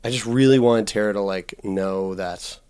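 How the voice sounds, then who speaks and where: Informal, halting man in casual conversation. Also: on the low side, a little mellow, smooth. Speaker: podcast co-host.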